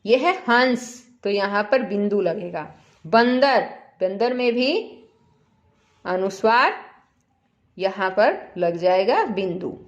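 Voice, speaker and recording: Slow, patient woman teaching children. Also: medium pitch, expressive, highs cut off. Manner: patient, explains slowly with repeated examples and questions to pupils. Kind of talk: school lesson for children.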